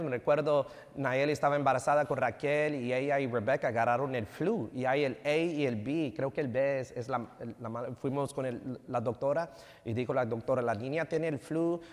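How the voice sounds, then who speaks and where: This sermon comes from a man in his thirties who weaves family stories into his preaching and code-switches between English and Spanish. His voice is mid-range at a normal speed, echoing with the long reverb of a church sanctuary.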